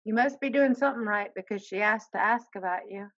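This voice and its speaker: A woman's voice: medium pitch, a bit bright, no room sound. Easygoing woman co-host, slightly dull sound. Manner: easygoing, laughs often, quick backchannel replies. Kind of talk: casual podcast chat.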